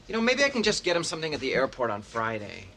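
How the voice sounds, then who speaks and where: A man's voice: mid-range voice, wildly swooping pitch, racing, creaky, bright, forceful tone, full character voice. An actor playing an anxious new father who speaks in a dry, hesitant way in a sitcom. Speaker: sitcom character. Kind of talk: sitcom acting.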